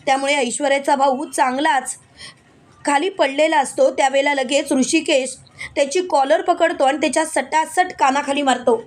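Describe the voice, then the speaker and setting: A woman narrating a TV serial episode recap in a brisk storytelling manner, linking one event quickly to the next. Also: sits high, steady tone. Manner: brisk, chains events with repeated "then".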